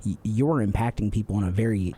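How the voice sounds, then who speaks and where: A man's voice: lowish voice, fast talker, dark tone, breathy edge. A man hosting a podcast interview, friendly and affirming, given to rambling asides. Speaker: podcast host. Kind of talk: casual interview chat.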